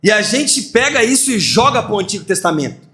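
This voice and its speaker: A man's voice: high voice, fairly quick. A man preaching a sermon as pastor, acting out voices and laughing as he teaches. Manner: lively preaching with acted dialogue and laughter.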